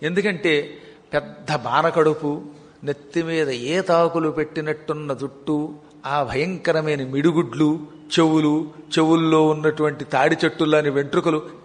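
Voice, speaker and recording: A man telling a devotional story as a discourse, dramatic and slowing down for vivid descriptions, with joking asides. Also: on the high side, steady tone. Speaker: religious storyteller. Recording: long hall reverb.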